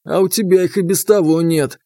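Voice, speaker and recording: A man's voice: sits high, steady tone, a little fast, warm tone, dry recording, studio quality. A man voicing a wry, teasing young friend in an audiobook.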